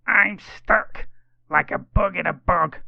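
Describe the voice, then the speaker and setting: A man's voice: slow pace, vocal fry, no echo, muffled recording, heavily acted. A man voicing a nasty, bossy female scruff creature in a children's audiobook, with a screechy, hissing, snarling voice. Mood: furious. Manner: shrill and snarling.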